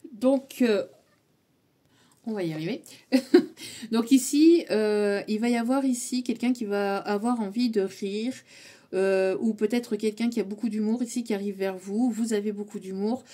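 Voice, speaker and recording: Woman tarot reader, soft mellow tone, halting delivery that relays her guides' messages, playful asides. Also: medium pitch. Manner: hesitant, many fillers, relays what her guides say; chuckles often, playful asides. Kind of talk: spoken tarot reading to camera.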